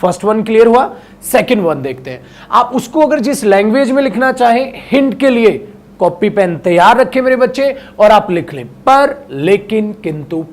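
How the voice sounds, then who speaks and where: Male teacher coaxing his students. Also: high-pitched. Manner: coaxing, repeats words, calls students "my child" and "my brother"; slows right down when speaking English phrases. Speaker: English teacher. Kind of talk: online vocabulary lesson.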